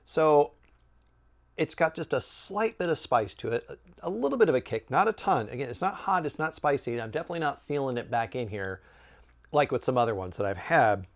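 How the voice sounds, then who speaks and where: A man hosting a snack review, chatting casually with animated, swooping emphasis. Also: medium pitch, fairly quick, muffled recording. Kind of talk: casual food review chat.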